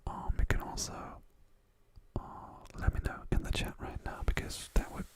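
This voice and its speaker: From a home room, an ASMR stream host calmly rambles in a soft whisper, reading out viewer messages at a moderate speed.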